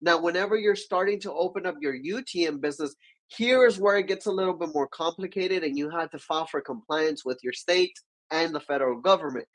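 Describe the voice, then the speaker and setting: A young man with a stuffy cold hosts a business teaching livestream from a small, dark-walled home studio, his voice on the high side and brisk. He talks with energy, gestures with both hands, and keeps asking viewers to comment. The recording is rough.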